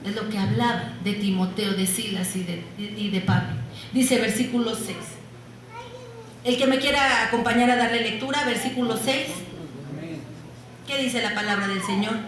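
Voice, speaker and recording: A woman preaching a sermon. She asks the congregation questions and answers them herself, and she stretches key words slowly for emphasis. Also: medium pitch. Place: church. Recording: very echoey church hall.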